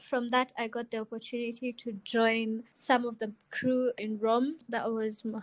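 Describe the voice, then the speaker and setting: A woman from Nairobi, a spoken word poet, warmly recounting memories in an interview. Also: on the high side, no echo, poor audio. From Kenya. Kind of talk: interview testimony.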